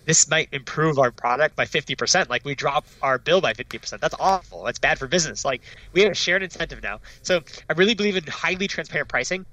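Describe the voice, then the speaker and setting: A startup founder with a non-Dutch foreign accent talks eagerly and fast in a casual interview, constantly adding "right?" and "like" to his sentences. His fairly high voice is pushed and bright, with lively intonation. The recording has no echo but poor audio quality.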